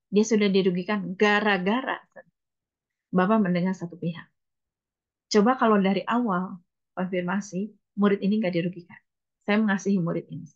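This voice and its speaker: Middle-aged woman, casual testimony, quotes people in the story, slightly dull lo-fi sound. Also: mid-range voice. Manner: lively retelling, acts out dialogue with quotes. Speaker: speaker at a women's Bible-reading community. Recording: dull lo-fi recording.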